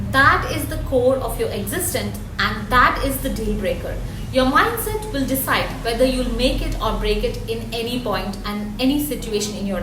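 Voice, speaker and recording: A woman's voice: a little high, noisy background. A woman speaking in an earnest, encouraging way, addressing the listener directly in a motivational voice-over. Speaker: self-improvement channel host. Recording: roomy voice-over with background music.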